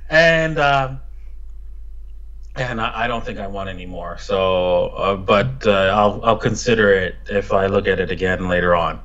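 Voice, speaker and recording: A man giving casual crypto market commentary like a crypto bro, speaking in a hesitant, halting way. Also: low voice, fairly bright tone, lo-fi sound. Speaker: crypto analyst guest.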